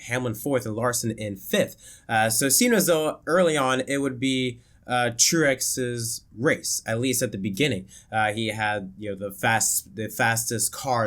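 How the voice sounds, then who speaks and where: A man's voice: medium pitch, fairly bright tone. A man with a congested, worn voice from illness, casually reviewing a car race with many fillers and restarts. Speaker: racing commentary YouTuber.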